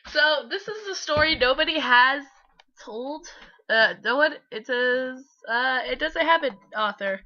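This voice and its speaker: A woman's voice: high voice, lively intonation, unhurried, bright, forceful tone. A sick woman with a congested, stuffy nose, hosting and reading scary stories in a giggly, mock-dramatic way. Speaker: channel host. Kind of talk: dramatic comic story reading. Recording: muffled lo-fi home recording.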